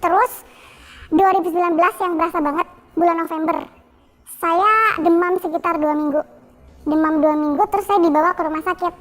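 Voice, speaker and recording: A young woman guest telling her own story in a halting, repetitive way with many fillers. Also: very high-pitched, fairly even intonation. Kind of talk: personal testimony.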